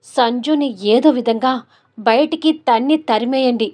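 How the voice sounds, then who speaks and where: A woman's voice: fairly high pitch, measured pace, darkish tone. A woman voicing a conniving young woman plotting on the phone to marry a man. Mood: scheming. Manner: pleading, conniving. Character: scheming young woman, spiteful rival.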